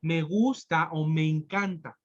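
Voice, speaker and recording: A man leads a sign language lesson at a slow, patient pace and keeps checking that his students follow. The sound is dull and lo-fi, as if heard through a video call. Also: fairly high pitch. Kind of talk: online class explanation.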